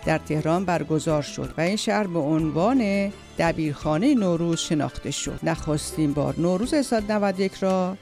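Brief: male narrator, high voice, measured scripted reading, faint music underneath. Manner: steady reading pace with occasional slips. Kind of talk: read-aloud informational narration.

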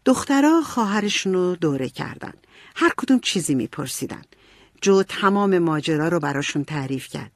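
A woman's voice: on the low side, big pitch swings, no echo. Woman reading a storybook, dry voice. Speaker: narrator.

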